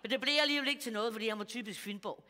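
A woman's voice: a little high, pushed and bright. A woman playing a bawdy, gossipy old lady of about seventy, confiding to a live audience and chuckling at her own jokes. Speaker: comedian. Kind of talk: stand-up character monologue. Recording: stage mic in a hall with audience.

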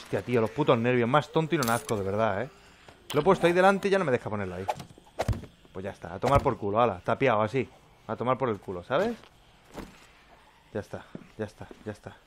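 A man talks through his gameplay in a lively, wide-ranging voice that leaps up when he gets scared. He curses and mutters to himself in a jumpy, nervous way. A faint hiss sits under the recording. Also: mid-range voice, fast talker. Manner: jumpy, swearing, yelping when frightened. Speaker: gameplay commentator. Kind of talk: let's play commentary.

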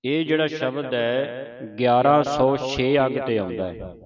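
Slow chanting man teaching recitation. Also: medium pitch, muffled recording, crowd noise. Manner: recites lines slowly in a chanting tone, then explains; addresses listeners respectfully as sangat ji. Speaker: Gurbani pronunciation teacher.

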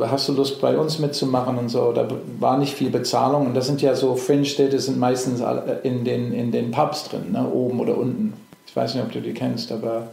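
Appearing as a podcast guest in a casual interview, a middle-aged actor from England, native in English, talks in a loose, halting way, with lots of fillers and false starts. He has a mid-range voice with a gravelly, fry-tinged texture, and echo fills the room around him.

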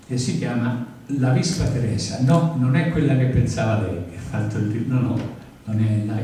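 Mellow-voiced man reciting poetry in a hall. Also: a little hiss or hum. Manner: theatrical, with wide swings in pitch and volume. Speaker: poet reading at a book event. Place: event hall. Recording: echoey hall, mic far away.

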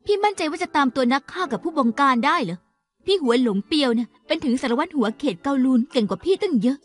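A woman dubbing a defiant, scheming younger sister in a TV drama, with a sharp, taunting manner. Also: sits high, big pitch swings, quick pace. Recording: drama dub with faint music.

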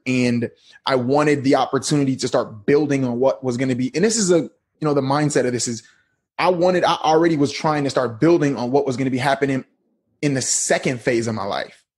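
A man in his thirties telling his story as a podcast guest, relaxed and slangy. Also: mid-range voice, fairly quick, slightly rough. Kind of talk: casual interview talk.

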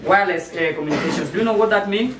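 A man's voice: sits high, racing, lightly acted. A man playing a chatty American surveillance expert in an amateur stage play, talking hesitantly and tagging lines with "eh?". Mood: explaining. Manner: hesitant, tags sentences with "eh?". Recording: roomy, distant mic with faint noise.

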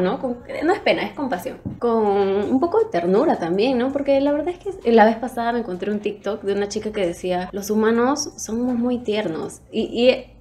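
A woman's voice: mid-range voice, darkish tone, a little hiss or hum. A young woman, chatting casually and rambling as she straightens her hair for a get-ready-with-me vlog, full of fillers and self-corrections. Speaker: beauty vlogger.

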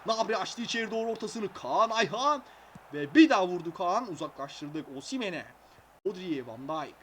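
A man giving excitable live commentary on his own mobile football game, shouting player names when goals go in. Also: sits high, normal speed, slight background noise. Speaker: mobile football gaming YouTuber.

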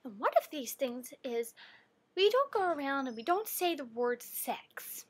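A woman acting out her mother as a patient, firm parent who speaks in a soft, measured, instructive way. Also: high voice, sing-song.

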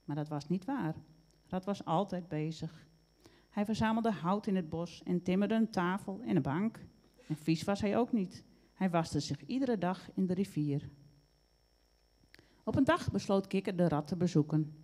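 A woman reads a children's story aloud at an easy, unhurried pace, stumbling now and then over a word. Her voice sits a little low, with a warm, mellow tone. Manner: unhurried storytelling with small slips. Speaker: reader.

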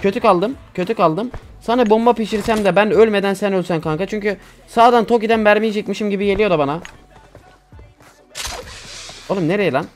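A man giving casual, excitable gameplay commentary, chatting to viewers and teammates and swearing casually. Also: high-pitched, fast, pauses often, faint music behind. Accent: Turkish. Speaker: gaming YouTuber.

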